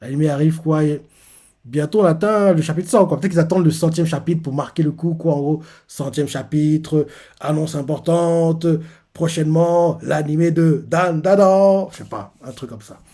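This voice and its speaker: A man's voice: on the high side, normal speed, dark tone. A man casually retelling manga chapters and reacting to them, talking in loose rambles full of fillers.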